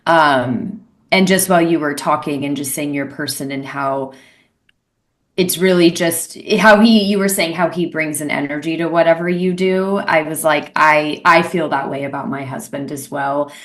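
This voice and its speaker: A woman's voice: low-pitched, moderate pace. A young adult woman co-hosting an interview podcast, gushing and rambling in casual chat. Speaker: podcast co-host.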